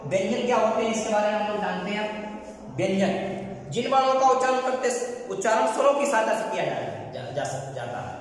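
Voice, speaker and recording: A man's voice: high voice, expressive, a little fast. A male teacher giving a Hindi grammar lesson, repeating terms and asking and answering his own questions. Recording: echoey room, far from the mic.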